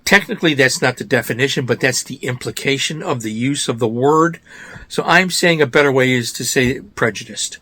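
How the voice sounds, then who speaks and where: An American man with a raspy voice, slightly hoarse from a cold, giving informal book commentary as a host in an emphatic way, often asking and answering his own questions. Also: mid-range voice, moderate pace, sharp tone, no room sound. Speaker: host of a book review show.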